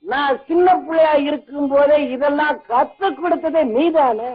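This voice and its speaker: In a piece of 1980s film acting, a man with a very high-pitched voice speaks at normal speed, playing a young man who bitterly accuses his cruel father through mocking, taunting questions. The soundtrack is old and tinny, with faint music.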